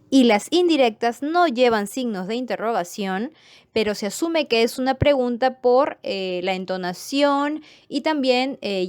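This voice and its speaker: A woman's voice: mid-range voice, darkish tone, clean tone, dry recording, studio quality. A woman teaching a grammar lesson to viewers, explaining patiently and checking in with them as she goes. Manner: patient, repeats points and checks understanding; friendly sign-off to viewers.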